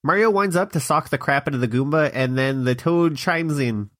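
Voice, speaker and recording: A man's voice: a little high, normal speed, noisy background. A man narrating a video game playthrough in comedic play-by-play with wry joking asides.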